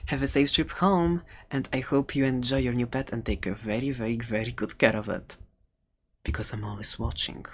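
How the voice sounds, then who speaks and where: A performer voicing a furry animal shopkeeper in an ASMR roleplay, soft-spoken and halting, often slipping toward a whisper, doting with an edge of menace. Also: mid-range voice, fairly even intonation, a little hiss or hum, natural voice. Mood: friendly.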